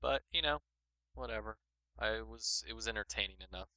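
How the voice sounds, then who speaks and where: A lower-voiced man talks hesitantly, with shrugging phrases and lots of fillers. His tone is very bright. The sound is dry and close. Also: fairly quick, no room sound, poor audio. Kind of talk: casual movie review chat.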